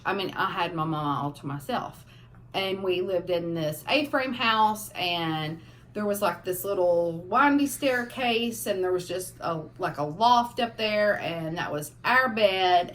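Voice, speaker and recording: A young woman, casually telling family stories on a vlog, animated as the stories build. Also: medium pitch, a little hiss or hum. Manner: animated storyteller, laughing through funny parts. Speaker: family vlogger. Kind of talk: casual storytelling.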